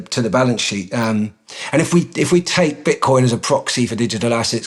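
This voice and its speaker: Responding to interview questions, this male executive director speaks with a medium pitch and a measured delivery marked by frequent ums and false starts.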